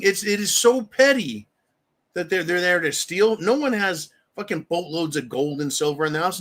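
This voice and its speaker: A man with a notably high voice hosts a live stream. He talks in a blunt, profane rant and slips into quick impressions of the people he describes. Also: sharp tone. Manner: blunt, profane ranting, acts out quoted voices. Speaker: livestream host. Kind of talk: casual live-stream commentary.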